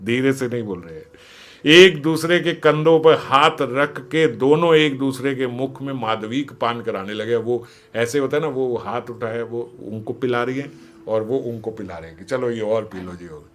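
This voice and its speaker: A man giving a devotional scripture discourse, animated, acting out the dialogue and often laughing. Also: medium pitch, normal speed, slight background noise. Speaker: devotional storyteller.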